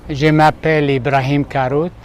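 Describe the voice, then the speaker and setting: Man from Syria, slightly high voice, beekeeper explaining his trade, hesitant. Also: little pitch movement. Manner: careful non-native French, many pauses. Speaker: master beekeeper and trainer. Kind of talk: interview.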